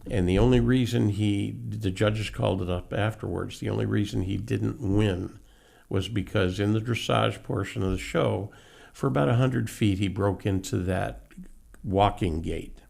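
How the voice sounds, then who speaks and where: A man's voice: lowish voice, moderate pace, a little mellow. A middle-aged man who runs a horse carriage farm, telling folksy stories about his horses in a casual interview. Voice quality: gravelly. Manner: folksy, anecdotal storyteller.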